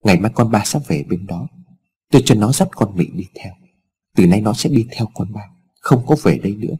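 A man's voice: lowish voice, expressive, brisk, dark tone, husky. A man voicing a distraught older mother who laments anxiously, in a storybook reading. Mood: distressed.

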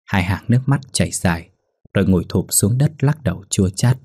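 Husky man narrating a ghost story. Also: sits low, animated, a little fast, a little mellow.

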